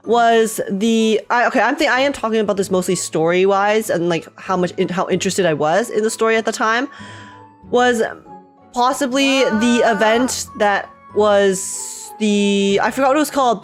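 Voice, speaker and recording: Excitable chatty woman streamer, stuffy nose. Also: mid-range voice. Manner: excitable, chatty, laughs often, repeats herself. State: stuffy nose, just woke up. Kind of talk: casual live-stream reaction chat. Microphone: desk microphone with webcam.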